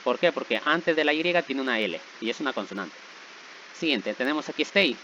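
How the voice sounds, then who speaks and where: A man's voice: medium pitch, lively intonation, brisk, bright, forceful tone. A man explains grammar rules patiently in a mid-range voice, checking in with his listeners after each step. The recording sounds a little dull, with a faint hiss underneath. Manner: patient, repeats checks like "¿verdad?" and "¿sí?". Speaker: English teacher.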